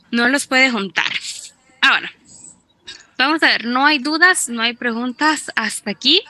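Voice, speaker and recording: A woman teaching an online English class, who explains in Spanish and slowly repeats English phrases to model their pronunciation. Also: medium pitch, pushed and bright.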